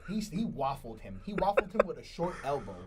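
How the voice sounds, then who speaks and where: A man's voice: a little high, sing-song, brisk, very noisy. A man co-hosting a casual sports talk show, rambling, repeating his words and laughing often. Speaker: co-host. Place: studio.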